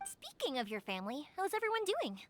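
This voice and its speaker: A woman playing a bubbly, kind young fireworks maker in a video game, with a perky, expressive, friendly delivery. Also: high voice, fast talker, soft background music. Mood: bright, friendly.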